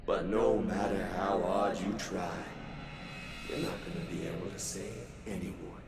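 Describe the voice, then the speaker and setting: A man's voice: sits low, steady tone, unhurried. A man voicing a contemptuous monster that jeers at a detective with mocking words in a voiced game. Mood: jeering. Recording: echoey room over loud music.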